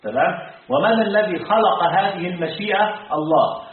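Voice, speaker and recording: Fast-talking sheikh in an echoey hall. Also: male voice, sits high. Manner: asks the class questions and drops into colloquial asides; slows to a deliberate pace when reciting the text. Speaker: sheikh teaching creed. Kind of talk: religious lesson to a class. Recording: distant, phone-like, echoey hall.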